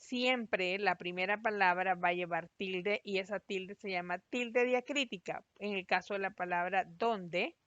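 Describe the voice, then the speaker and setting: A woman teacher giving a recorded class, explaining patiently and spelling out syllables slowly. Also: mid-range voice, a bit bright, no echo. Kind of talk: recorded online class lesson. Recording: dry, slightly dull lo-fi voice-over.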